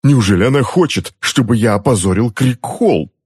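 A man's voice: mid-range voice, normal speed, darkish tone, husky, dry recording, clean studio sound, pitched above the performer's own voice, lightly acted. A man voicing a pampered middle-aged uncle under a curse, who whines, pleads and wails in a raised, strained voice. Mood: desperate. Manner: whining, pleading, wailing. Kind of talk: audiobook character voice.

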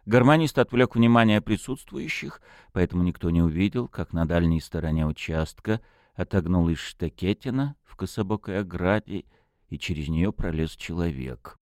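A man narrating an audiobook in an expressive storytelling manner. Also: low-pitched, normal speed, no room sound, clean studio sound.

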